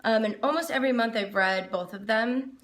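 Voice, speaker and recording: A woman's voice: fairly high pitch, fairly quick, fairly bright tone. A woman chatting casually and informally to camera as a book reviewer, rambling a little, recorded in an echoey room. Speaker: book reviewer, video host.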